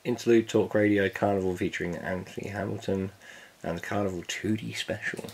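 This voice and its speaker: A man with a low, deep voice and a gravelly, fry-heavy edge talks through an unboxing in a relaxed, offhand way. He cracks small jokes and drops the odd swear word as he goes. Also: a little fast. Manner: laid-back, jokey, swears casually. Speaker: vinyl collector vlogger. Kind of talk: casual unboxing chat.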